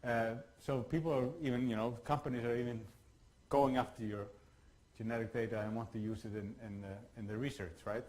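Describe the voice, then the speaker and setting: A man from Iceland giving a workshop lecture, talking in a halting way with many fillers and restarts. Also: medium pitch, flat delivery, a little mellow, low-quality recording.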